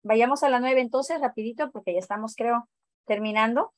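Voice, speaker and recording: A woman's voice: on the high side, fairly quick, dry recording. Woman teaching an online class, dry sound. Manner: questioning, explanatory, many fillers.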